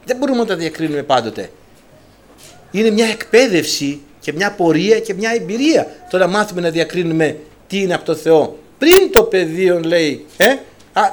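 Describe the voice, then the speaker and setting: A man from Greece preaching a sermon, telling a Bible story in an animated way and acting out its dialogue. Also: high-pitched.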